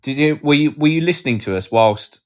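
Talking a little fast in a fairly high-pitched voice, this man hosts a live podcast full of casual, jokey chatter. He wanders from topic to topic and reads listener chat comments aloud.

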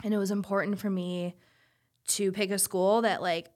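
A woman's voice: medium pitch, level tone, normal speed, darkish tone. Chatty young woman, lots of "like". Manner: heavy use of "like", chatty and candid. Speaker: podcast guest, former college swimmer. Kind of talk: casual chat.

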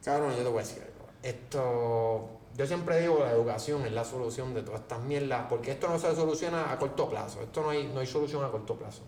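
A man with a Puerto Rican accent hosting a casual podcast, telling stories with lively quoted voices. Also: medium pitch, fast talker, hardly any pauses, distant mic. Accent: Puerto Rican Spanish. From Puerto Rico. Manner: animated storytelling, acts out quotes in raised voice. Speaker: podcast host. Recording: echoey room, faint background noise.

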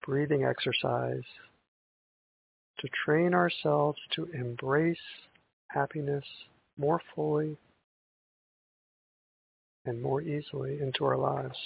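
A man guiding a breathing meditation in a calm, gentle, meditative tone, on a thin band-limited recording. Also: fairly high pitch, takes it slowly, creaky, long pauses. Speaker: meditation guide. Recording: tinny band-limited audio with hiss.

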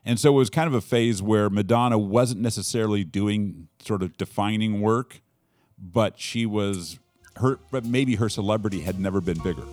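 A man's voice: fairly low pitch, moderate pace, a little mellow, soft background music. A man hosting a casual discussion, rambling and often restarting his sentences as he thinks aloud. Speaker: podcast host.

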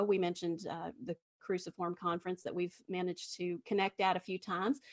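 A woman chatting casually as the co-host of a podcast. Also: mid-range voice.

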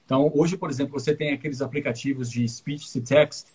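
Raspy-voiced interview host. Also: male voice, medium pitch, steady tone, a little fast, darkish tone. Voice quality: raspy, breathy. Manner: agreeing, leading questions. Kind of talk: casual interview chat.

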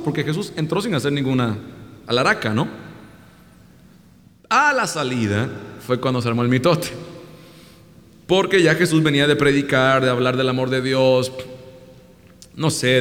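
A man with a Mexican accent preaching a sermon in a colloquial, joking way, in a hall with long reverb. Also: medium pitch.

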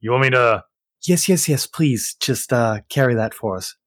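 A man's voice: medium pitch, expressive, moderate pace, no echo, natural voice. A man voicing a flamboyant, courtly, teasing clan leader with florid, effusive politeness in a tabletop game. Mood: breezy, commanding.

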